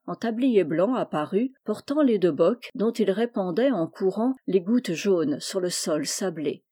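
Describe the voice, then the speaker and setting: Woman narrator, audiobook reading, measured and expressive, mellow dark tone, mid pitch. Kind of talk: audiobook reading of a classic short story.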